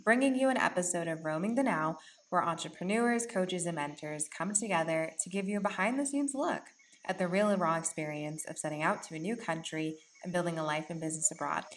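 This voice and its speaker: Lady doing the podcast intro, promo vibe, lowish voice. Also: brisk. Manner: bright, promotional delivery. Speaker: podcast host. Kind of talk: scripted show intro.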